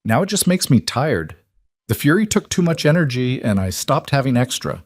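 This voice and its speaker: In a narrated story, a man voices a guarded woman executive who is weary and frank, pitching his mid-range voice above its natural level. His delivery swings widely in pitch at a moderate pace. The studio recording is dry and clean.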